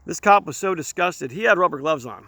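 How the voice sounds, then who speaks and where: Brief: male host, candid storyteller, rambling and halting, gravelly voice, dry sound. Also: on the high side, lively intonation, pushed and bright, dry recording. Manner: rambling, halting, repeats words. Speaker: show host.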